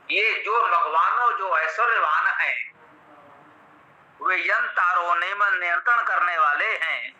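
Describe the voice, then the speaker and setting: Hindi-accented male scripture teacher, high bright voice, measured lecture, roomy dull recording. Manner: measured, teacherly, repeats and glosses Sanskrit terms. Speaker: Vedic scholar explaining a mantra.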